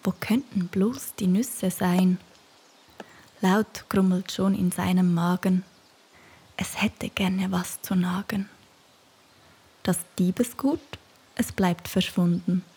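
A woman narrating a rhyming children's storybook in a soft, half-whispered voice. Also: on the low side, steady tone, takes it slowly, pauses often, breathy edge.

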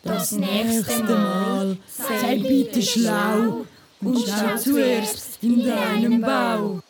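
A woman's voice: a little high, animated, a loud crowd. A woman voicing indignant forest animals. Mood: scolding. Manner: loud, slow, stressed denials. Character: indignant forest animals, mole, hare and hamster. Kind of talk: rhyming storybook reading.

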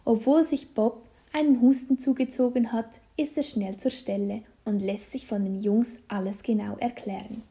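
A woman reading a children's story aloud, slow and deliberate. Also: a little high, fairly even intonation, dark tone.

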